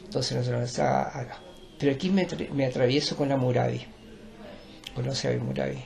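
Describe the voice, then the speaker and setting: A man's voice: medium pitch, steady tone, normal speed, creaky, a little mellow. An older man with a Chilean accent, a teacher and performer, talking in a digressive, lecturing way with many restarts. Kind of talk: rambling conversational interview.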